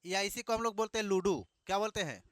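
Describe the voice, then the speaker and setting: A man's voice: high voice, lively intonation, fast, fairly bright tone, dry recording, clean studio sound. A man teaching a classroom math lesson, asking questions and repeating each answer back. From Bihar, India.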